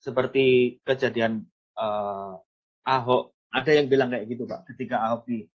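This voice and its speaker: A man's voice: medium pitch, fairly even intonation, moderate pace. A man interviewing as a journalist, polite and deferential, often murmuring agreement. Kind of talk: conversational interview. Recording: dull lo-fi sound.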